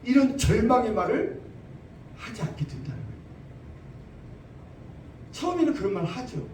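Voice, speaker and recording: A man's voice: very high-pitched, wildly swooping pitch, moderate pace, a little mellow, slight background noise. A man preaching a sermon as pastor, emphatic, repeating his phrases and asking rhetorical questions. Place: church sanctuary. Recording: roomy, distant church recording.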